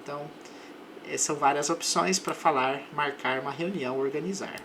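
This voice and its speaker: A man with a Brazilian Portuguese accent teaching English, explaining words patiently and slowing down to model each example phrase. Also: a little high, background noise. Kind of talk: slow explanatory language lesson.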